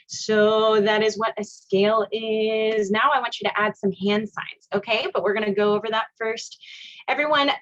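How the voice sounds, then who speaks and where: A woman's voice: mid-range voice, fairly even intonation, normal speed, a bit bright, highs cut off. A woman teaching an online ear-training class, cheerful and encouraging, singing solfege scales for her students to echo. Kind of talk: online music class, sung demonstrations. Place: video call class.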